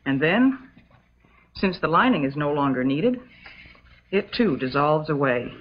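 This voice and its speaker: A low-pitched American actress takes the role of a motherly, composed substitute teacher, patiently working through a scripted lesson for an old educational film. Her delivery is prim, measured and instructional, and the audio is muffled and dull.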